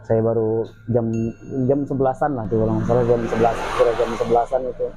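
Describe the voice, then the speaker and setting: A man's voice: mid-range voice, quick pace. A man as a guest, telling a spooky story from his own life in casual chat and acting out the voices of the people in it. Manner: lively retelling, acts out quoted voices. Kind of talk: casual spoken ghost story. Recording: dull lo-fi with faint noise.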